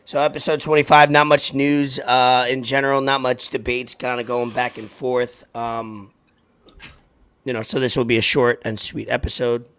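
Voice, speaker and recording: A man in his thirties with a raspy, hoarse voice, hosting a sports podcast in a halting, informal chat. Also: mid-range voice, little pitch movement, a bit bright. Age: 30s. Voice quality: raspy, worn voice. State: hoarse from partying.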